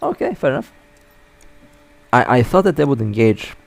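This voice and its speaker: A man's voice: medium pitch, huge pitch swings, normal speed, creaky. A man with hiccups giving casual, chatty live commentary while playing a space game, often stumbling and correcting himself. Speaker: mobile space game player.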